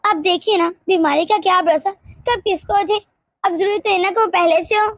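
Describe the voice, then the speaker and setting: A woman's voice: very high voice, fairly even intonation, moderate pace, no echo, clean studio sound. A woman voicing a sly young wife in a cartoon who stammers out excuses. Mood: evasive. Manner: evasive, stammering.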